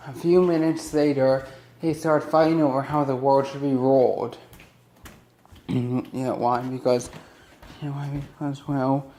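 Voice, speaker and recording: A man ranting casually in a cartoon review, rambling with many restarts and quick asides. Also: on the high side, dark tone.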